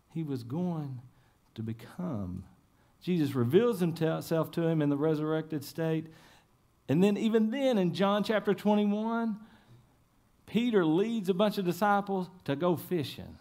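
A pastor giving an Easter sermon, retelling scripture scenes in lively, casual storytelling and speaking straight to the congregation. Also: male voice, sits high, gravelly.

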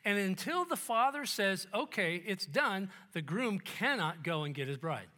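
A male pastor preaching a sermon in church, conversational and joking, dropping to hushed tones at times. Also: high voice, big pitch swings, moderate pace. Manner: conversational and joking, with sudden soft, hushed quotes.

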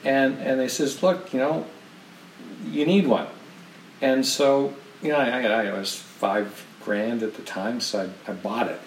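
A man's voice: mid-range voice, steady tone, a little slow, far from the mic, slight background noise. Rambling man telling stories off-mic. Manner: rambling, full of restarts and laughs. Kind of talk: casual storytelling. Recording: roomy and from off-mic.

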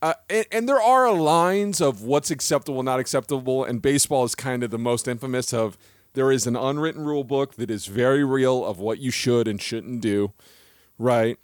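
A man co-hosting a podcast, talking in a lively, animated way and often laughing at his own jokes. His voice sits in an ordinary middle pitch. The recording is close and dry, with no room sound. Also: moderate pace, no echo. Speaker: podcast co-host. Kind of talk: casual podcast chat.

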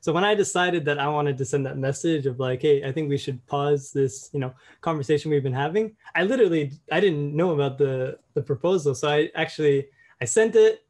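A man's voice: a little high, fairly quick, a little mellow. A young man casually and reflectively sharing a personal story, often saying "you know".

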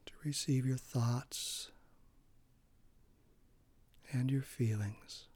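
A man leading a guided meditation in a calm, gentle way, his phrases often trailing off into a soft breathy hush. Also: medium pitch, extremely slow.

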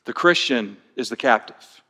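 A man preaching a sermon as pastor, animated, with playful sarcastic asides and dramatic readings of scripture. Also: mid-range voice, moderate pace.

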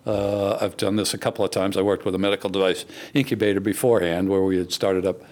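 A man, a startup founder on a podcast, explaining his company in a casual, chatty way. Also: fast. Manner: explanatory, rises in pitch when animated.

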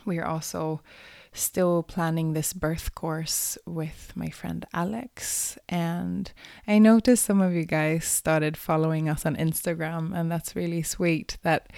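A woman hosting a podcast, talking softly and sometimes dropping to a near whisper between cheerful greetings. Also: fairly low pitch, vocal fry, dry recording, clean studio sound. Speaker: podcast host. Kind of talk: podcast interview.

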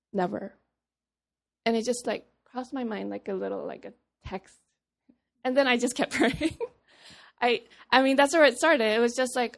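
Her voice is medium in pitch and gravelly at the edge as she earnestly tells her personal testimony. The Papua New Guinean woman keeps it conversational, restarting at times and acting out the dialogue.

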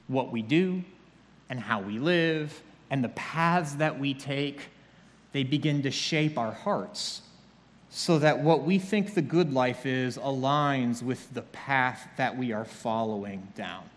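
Joking pastor preaching in an echoing hall. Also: male voice, medium pitch, slow. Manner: conversational, with dry humor. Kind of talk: sermon. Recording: long reverb of a large hall.

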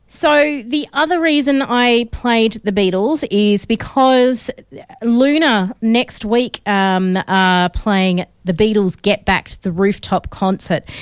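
Speaking into a studio mic in a radio studio, this Australian woman in her thirties chats loosely about films, filling her talk with plenty of fillers. Her pitch sits in the middle and her tone is clean despite a slight crackle. The sound is clean studio audio without echo.

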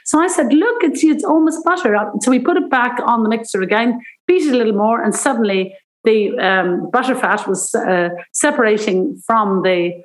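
An Irish woman in her seventies who founded a cooking school tells rambling stories in an interview, acting out the voices of people she quotes. Her voice is on the high side at a moderate pace, and the recording is low quality.

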